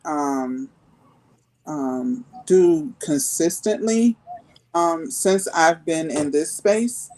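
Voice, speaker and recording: Guest on a live group call, mid pitch, slow and thoughtful, lots of ums. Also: darkish tone, rough recording. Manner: thoughtful, hesitant, many filler ums. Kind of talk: casual group discussion.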